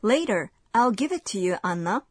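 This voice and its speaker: A woman hosting a language lesson, giving clear, measured scripted explanations. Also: mid-range voice, very animated, no room sound, studio quality.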